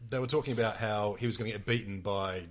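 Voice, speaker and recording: A man co-hosting a podcast, trading quick jokes in casual chat. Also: on the low side. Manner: quick, joking banter. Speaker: podcast co-host.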